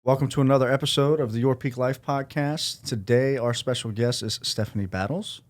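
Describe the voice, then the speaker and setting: A man hosting a podcast, relaxed and upbeat, talking in a casual, slangy way with his guest. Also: mid-range voice, a little fast. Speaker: podcast host. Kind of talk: casual interview chat.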